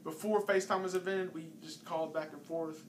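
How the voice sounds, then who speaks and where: A man's voice: fairly high pitch, fairly even intonation, fairly quick. Laid-back young man, noisy recording. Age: 20s. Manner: laid-back, chiming in with short remarks. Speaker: boyfriend. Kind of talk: casual chat. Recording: noisy home video.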